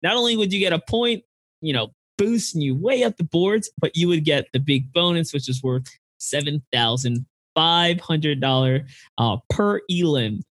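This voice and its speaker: A man's voice: fairly high pitch, moderate pace, fairly bright tone, no echo. A man co-hosting a casual podcast, explaining rules step by step. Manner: explanatory, breaks down details with restarts. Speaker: podcast co-host.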